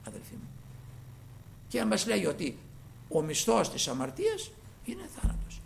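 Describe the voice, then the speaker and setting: Fervent Greek preacher with a gravelly voice. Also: male voice, sits high, huge pitch swings, a little hiss or hum. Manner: fervent, swinging between loud exclamations and quiet asides; acts out quoted voices in his preaching. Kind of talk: sermon.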